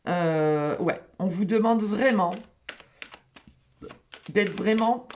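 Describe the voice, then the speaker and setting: A woman doing a casual tarot reading, talking straight to her viewers in a chatty, repetitive way and checking in with them often. Her voice sits at a middle pitch. The recording is dull and lo-fi, with faint background noise. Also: drawn-out words. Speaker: tarot card reader.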